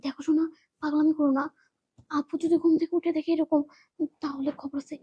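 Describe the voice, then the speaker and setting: Woman playing a nervous hushing girlfriend, high voice. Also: little pitch movement, fairly quick, highs cut off, close to an everyday voice. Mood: anxious. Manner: anxious, hushing, pleading. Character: nervous young girlfriend hiding her lover. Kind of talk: skit acting.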